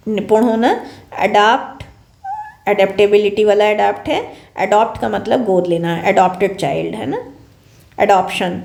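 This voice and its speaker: A young woman teacher runs through English words one by one, repeating each meaning and slipping in short example sentences. Her voice has a gravelly edge at mid pitch. The recording sounds echoey, as in a bare room. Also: darkish tone. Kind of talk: recorded online lecture on vocabulary.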